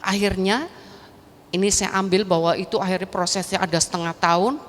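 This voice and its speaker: A woman's voice: medium pitch, fairly even intonation, a little fast. A middle-aged woman sharing an earnest, emotional faith testimony at a church prayer meeting, chatty and prone to restarts. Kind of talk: personal faith testimony talk. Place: large church hall. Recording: long hall reverb.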